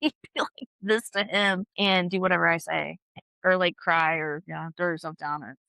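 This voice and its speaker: A woman in her thirties co-hosting a podcast, chatting casually about being a mom, blunt and quick to swear. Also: lowish voice, gravelly, smooth, dry recording. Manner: blunt, swears freely, animated storytelling. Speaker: podcast co-host. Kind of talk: casual chat.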